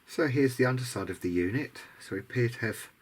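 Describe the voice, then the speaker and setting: Husky, animated and fast, this medium-pitched male voice delivers unscripted bench-side commentary. He muses tentatively, thinking out loud like a hobbyist recording a video diary, with noticeable background noise.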